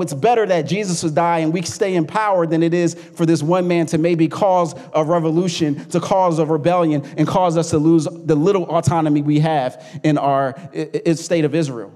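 Man preaching with rising, emphatic force. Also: long reverb tail. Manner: rises to loud, high emphatic preaching then drops to casual storytelling. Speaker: pastor. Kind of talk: sermon. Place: church.

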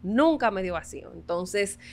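A young woman with a Dominican accent, a guest violinist telling her story in a relaxed interview, animated and earnest, often laughing. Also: mid-range voice, moderate pace. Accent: Dominican Spanish. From Dominican Republic.

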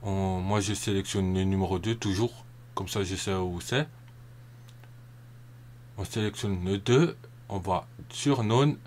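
Rambling low-voiced man explaining. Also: a little slow, pauses often, a little mellow, a little hiss or hum. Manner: rambling, repeats himself, frequent hesitations. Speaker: tutorial narrator. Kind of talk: casual screen-recording tutorial voice-over.

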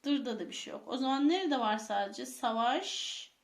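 A woman's voice: sits high, animated, a little fast, creaky, reverberant. A woman teacher giving a grammar lesson to schoolchildren, asking them questions and repeating the key points. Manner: addresses pupils as friends, repeats key points, asks quiz questions. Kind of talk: classroom lesson for children.

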